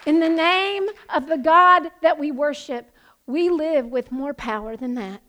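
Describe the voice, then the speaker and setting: A woman's voice: sits high, measured pace, sharp tone. A woman pastor preaching a sermon, passionate and building to emphatic proclamations.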